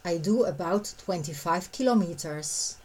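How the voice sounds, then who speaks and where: A woman narrating a scripted language lesson, reading short phrases and translations in a measured, clearly separated way. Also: lowish voice, lively intonation, darkish tone.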